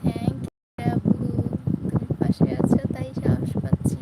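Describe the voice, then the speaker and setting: A young woman hosts a casual livestream, reading viewer comments aloud. She keeps her voice soft and hushed, sitting a little above the usual pitch. Heavy background noise runs under her speech throughout. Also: very animated, unhurried. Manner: soft, hushed talk, kept quiet on purpose. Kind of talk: casual live-stream chat reading comments.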